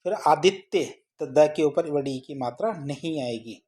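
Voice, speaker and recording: A woman's voice: sits low, measured pace, mellow, husky. Woman drilling Hindi spelling with repeated questions. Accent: Rajasthani. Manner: repetitive question-and-answer drilling. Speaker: Hindi teacher. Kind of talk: exam-prep spelling lesson.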